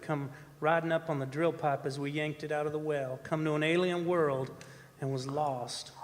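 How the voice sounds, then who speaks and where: On a performing arts center stage, a man with a fairly high voice plays a haunted, obsessed older oil driller in a radio play, delivering an old-time horror monologue. His telling is dramatic, halting and anguished yet only lightly acted, full of horrified awe. The stage hall is reverberant and carries some noise.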